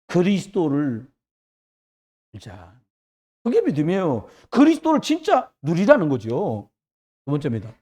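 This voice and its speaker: A man preaching a sermon as pastor in a church, jumping between loud exclamations and hushed asides. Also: fairly high pitch, huge pitch swings, moderate pace. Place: church sanctuary.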